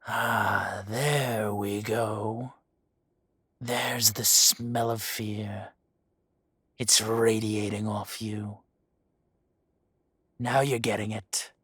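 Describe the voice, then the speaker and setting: A man acts out a husky, unhurried male dragon posing as a mafia boss in a roleplay audio drama, heavily acted. His lowish voice purrs with slow, mocking menace and cold threat, every word landing slowly. The sound is close and dry, with no room around it.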